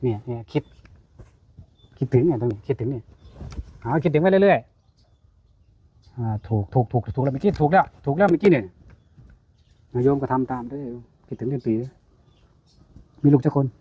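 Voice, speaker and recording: A Buddhist monk with a husky, slightly breathy voice guides someone through meditation, coaxing and affirming in short repeated bursts. The recording is dull and lo-fi. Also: male voice, medium pitch, animated, normal speed, pauses often. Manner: coaxing, repetitive, urges and affirms. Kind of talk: guiding a meditation session.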